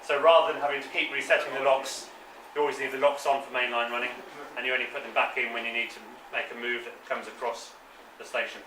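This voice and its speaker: A man speaks as a calm museum-style guide, explaining in a measured, off-the-cuff way at a middling pitch. He is picked up from a distance in an echoey room, with clear noise behind him. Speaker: signal box tour guide. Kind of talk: explanatory guided tour talk, unscripted. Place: indoors in a signal box.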